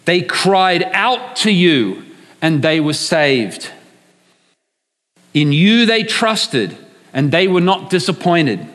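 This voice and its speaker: A man's voice: sits high, big pitch swings, slow, long pauses, fairly bright tone, big-room sound. A man preaching a sermon, emphatic and often asking his listeners rhetorical questions.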